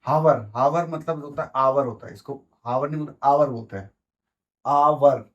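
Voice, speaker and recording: A man's voice: medium pitch, fast talker, muffled recording. A man with a Hindi accent teaching English grammar, repeating words and checking that his students follow. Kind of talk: explaining grammar at a board.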